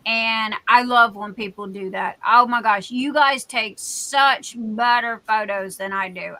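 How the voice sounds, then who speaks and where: A woman's voice: a little high, sharp tone, poor audio. A woman in her sixties hosting a casual livestream from home, chatty and rambling as she drifts from one thought to the next. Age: 60s. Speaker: livestream host and craft shop owner.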